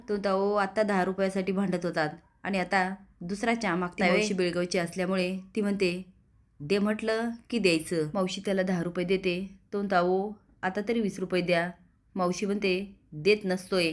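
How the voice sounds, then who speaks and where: A woman's voice: lowish voice, a little mellow. A woman recapping a TV serial episode, quoting the characters' lines as she narrates. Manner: retells scenes, quoting each character's lines in turn. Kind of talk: storytelling recap with acted dialogue.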